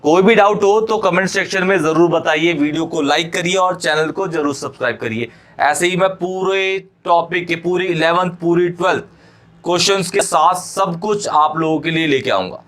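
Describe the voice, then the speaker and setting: A man's voice: fairly high pitch, a bit bright. Man teaching with constant check-ins. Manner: keeps checking understanding, addresses students fondly; repeats key phrases slowly for dictation. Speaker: chemistry teacher. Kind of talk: exam-prep lecture.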